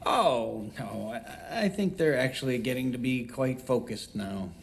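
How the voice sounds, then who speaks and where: A man's voice: mid-range voice, animated, a little slow, creaky, slightly rough, full character voice. An actor playing a frazzled man pestered in a haunted house, in a comedy film clip with music behind. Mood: uneasy.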